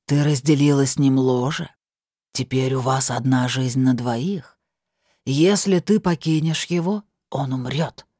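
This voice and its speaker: A cruel invisible spirit with a husky, breathy voice, taunting and scornful in every word, as a woman puts him on for an audiobook. He drags his words out slowly, in a dry, close-miked read. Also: very deep voice, dark tone, dry recording, voice pushed down. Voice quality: husky, slow and drawn out. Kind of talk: audiobook narration.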